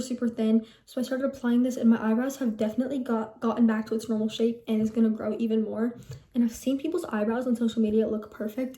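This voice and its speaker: This teen vlogger, a Telugu heritage speaker whose first language is English, talks through her skincare routine in a chatty, rambling way and keeps correcting herself. Her voice is warm and on the high side, with an echoey room around it.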